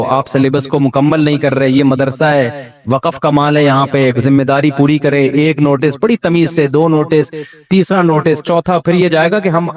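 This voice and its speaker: A male Islamic scholar talks in a casual, storytelling way, his voice sitting somewhat high for a man. He slips into the voices of the people in his anecdotes as he tells them. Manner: animated storyteller who acts out others' speech. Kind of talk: casual religious talk with anecdotes.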